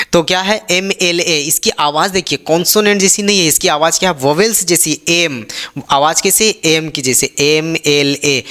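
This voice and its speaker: With a voice on the high side that comes across pushed and bright, a male teacher runs through a grammar lesson in Hindi, drilling the class through a steady stream of rhetorical questions.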